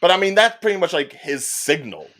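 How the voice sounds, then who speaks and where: Guy hosting a wrestling podcast, voice jumps all over, jokey and animated. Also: on the high side, fairly quick. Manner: animated, joking. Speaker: podcast host. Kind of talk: casual wrestling panel talk.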